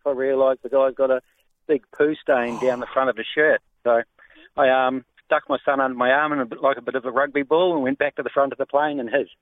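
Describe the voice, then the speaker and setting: A man from New Zealand calling in to a radio show, telling a story in a relaxed way. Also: medium pitch, dry recording. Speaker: caller. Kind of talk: phone-in anecdote. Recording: tinny phone line.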